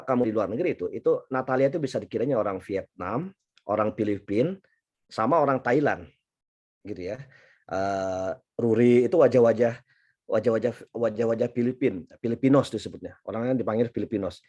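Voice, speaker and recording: A man's voice: mid-range voice, fairly quick, mellow. Chatty Indonesian male lecturer. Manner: chatty, anecdotal, many fillers and restarts. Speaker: university lecturer. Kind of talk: casual classroom lecture.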